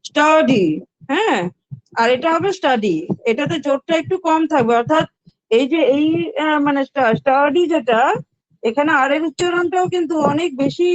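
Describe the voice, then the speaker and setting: A high-pitched woman teaches English pronunciation in an online class. She speaks patiently, repeats each word and spells it out letter by letter, recorded dry and close. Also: no echo, low-quality recording.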